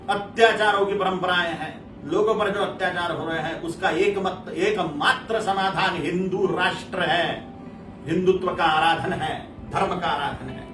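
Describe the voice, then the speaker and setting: High-voiced man preaching with fervor. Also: reverberant, far from the mic. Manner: emphatic, declaiming in long repeated lists. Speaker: religious preacher. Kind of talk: impassioned religious discourse.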